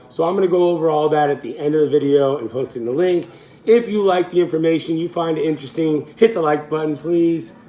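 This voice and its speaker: Casually chatting in a home cooking vlog, a fitness coach in his late thirties rambles, laughs easily and backtracks to correct himself. His voice is fairly high and mellow.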